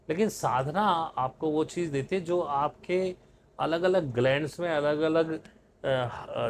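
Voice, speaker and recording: A man's voice: fairly high pitch, a little hiss or hum. A man hosting a meditation podcast, giving a conversational spiritual talk that mixes in English words and rises with emphasis on key points.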